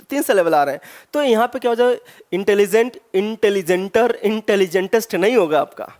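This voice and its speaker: A male English teacher, his voice very high-pitched yet somewhat dark in tone, gives an exam-prep grammar lesson. He leans on rhetorical questions and says example words slowly and with stress.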